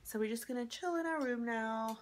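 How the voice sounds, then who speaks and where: A woman's voice: a little high, brisk, crowd noise. A woman vlogging to camera from a hotel room, chatting in a rambling way with fillers and giggles, filming at arm's length. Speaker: family vlogger. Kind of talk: casual vlog chat to camera. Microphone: handheld camera held at arm's length.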